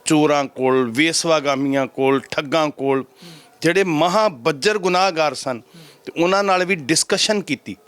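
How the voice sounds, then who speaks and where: A man from Punjab, India, serving as head granthi and answering interview questions in a measured, preaching cadence. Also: a little high, a bit bright, smooth.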